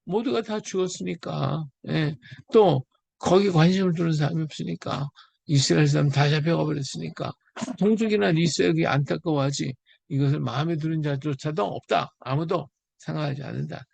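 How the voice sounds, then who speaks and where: A man's voice: fairly high pitch, moderate pace, creaky, darkish tone, no echo. An older man giving a sermon as a pastor. He reads scripture aloud, acts out dialogue and keeps checking in with his listeners. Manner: conversational preaching, checks with the audience. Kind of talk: sermon Bible study.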